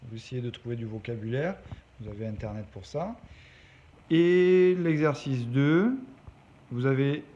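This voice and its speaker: A man's voice: mid-range voice, a little slow, long pauses, mellow. Male teacher with a dull lo-fi sound. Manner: explains step by step, checking understanding. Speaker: English teacher. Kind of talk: classroom lesson explanation. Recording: dull lo-fi recording, faint background noise.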